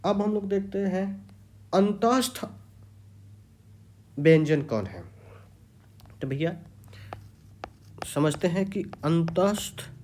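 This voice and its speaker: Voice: mid-range voice, darkish tone, slight background noise. A teacher giving an exam-prep grammar lecture, repeating key terms and quizzing the students.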